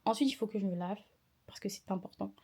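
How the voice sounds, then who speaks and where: A young woman talks straight to her camera in a casual vlog, tired and chatty as she retells a run-in at school. Her voice is mellow and soft-edged and sits in a middle register. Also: mid-range voice, fast, creaky, slightly rough. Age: young adult. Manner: chatty, indignant retelling with quoted dialogue. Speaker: student vlogger.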